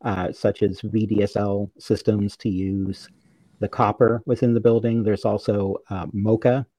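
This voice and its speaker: A man's voice: lowish voice, little pitch movement, unhurried, dark tone, no room sound, low-quality recording. A man on a remote video call with a shaky satellite link, so his audio drops out, giving practical explanations on a panel. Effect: call audio dropping out over a shaky satellite link. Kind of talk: conversational panel discussion.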